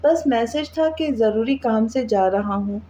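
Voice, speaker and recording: A woman's voice: fairly high pitch, measured pace, dark tone, reverberant, lightly acted. A woman voicing an anxious young woman in a read-aloud novel, asking worried questions.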